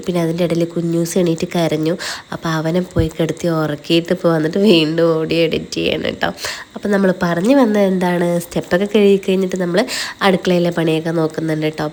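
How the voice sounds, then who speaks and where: A woman's voice: low voice, darkish tone. A woman, a mother, narrating her home vlog in a chatty, teasing voice-over, a little nasal from a night-time cold. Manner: chatty, teasing, tags lines with "kētto". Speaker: vlogger, mother.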